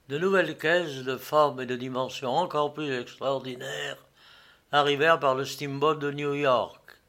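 A man reads a classic novel aloud as audiobook narration. His voice sits slightly high, and he tells the story in a measured, expressive manner.

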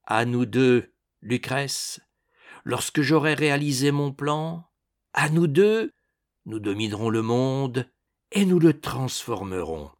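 A man reading an audiobook, voicing a bold, power-hungry young prince who talks in a boastful, excitable way. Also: medium pitch, takes it slowly. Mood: scheming.

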